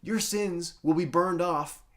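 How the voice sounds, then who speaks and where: Excitable ranting male podcast co-host. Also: takes it slowly. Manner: excitable ranting, voice jumping up loud and high when worked up. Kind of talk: improvised comedic podcast banter.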